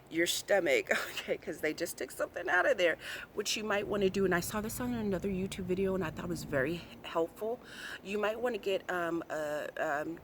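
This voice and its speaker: There's a little hiss or hum under this woman's low, somewhat bright voice. She's a vlogger in her forties, speaking straight to her audience in a casual personal video, frank, emphatic and chatty.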